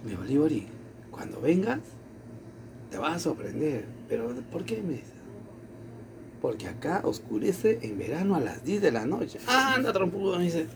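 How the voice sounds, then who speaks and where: A man's voice: fairly high pitch, normal speed, noisy background. A man from Latin America casually telling a personal story, acting out the quoted dialogue. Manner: animated, acts out quoted dialogue. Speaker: storyteller in conversation.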